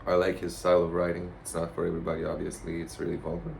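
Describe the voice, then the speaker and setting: A man giving a casual, rambling vlog monologue in a blunt, profane, halting way. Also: deep voice, completely flat delivery, gravelly, darkish tone. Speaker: vlogger. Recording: noticeable background noise.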